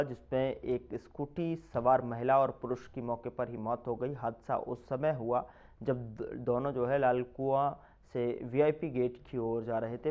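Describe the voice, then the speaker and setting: A man reads regional news in a punchy, emphatic voice-over, leaning hard on key words. His voice sits at an everyday pitch. The audio is a little muffled and lo-fi. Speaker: news reporter. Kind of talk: scripted news narration.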